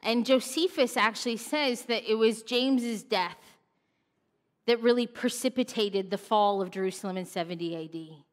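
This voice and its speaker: Woman preacher, high voice, lively storytelling, long church-hall echo. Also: moderate pace. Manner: animated storytelling, acts out mocking voices, drops to a hush for solemn moments. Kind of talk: sermon.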